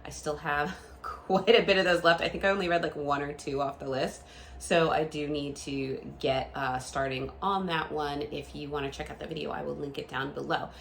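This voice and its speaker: Low, gravelly, and steady, this woman speaks at a normal speed over slight background noise. She's in her late thirties, hosting a book channel with a nasal, cold-clogged voice, chatting to camera and rambling through lots of ums and restarts.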